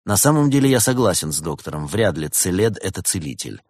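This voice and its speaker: A man voicing a clever male fox detective in a storybook reading, teasing and measured as he explains. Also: sits low, sing-song, a little mellow, breathy edge, dry recording, clean studio sound, exaggerated voice. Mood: playful.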